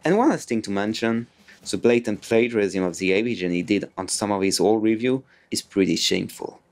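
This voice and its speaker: Brisk and sarcastic, this French-accented YouTube reviewer from France speaks with a lively pitch and animated delivery. He's reading a scripted video essay in a home room with bookshelves.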